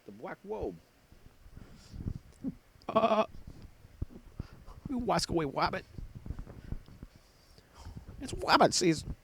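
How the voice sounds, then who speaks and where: A man's voice: high-pitched, very animated, extremely slow, gravelly, pauses often, a bit bright, slight background noise, voice pushed up, exaggerated voice. A man voicing a bumbling cartoon hunter who lisps, turning r sounds into w. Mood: goofy. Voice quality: lisp turning r into w.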